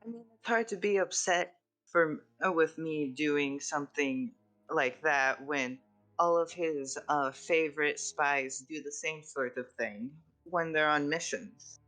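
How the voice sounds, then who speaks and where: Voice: mid-range voice, a little slow, pushed and bright, soft background music. A game master running a live tabletop game in a casual, chatty way, switching between narration and in-character lines.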